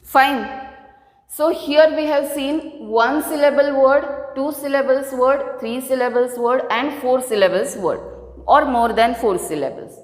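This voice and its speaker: A woman teaches grammar in a slow, patient, step-by-step way, often repeating her points. Her voice sits fairly high. The recording is roomy, with a long, ringing reverb. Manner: slow, repetitive, explaining step by step. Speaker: English teacher. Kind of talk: classroom grammar lesson. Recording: echoey room with long reverb.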